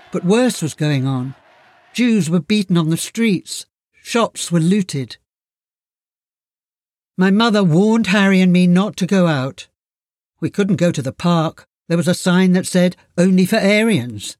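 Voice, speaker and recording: High-voiced man reading a solemn memoir. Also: darkish tone, no room sound. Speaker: narrator. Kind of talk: first-person memoir narration.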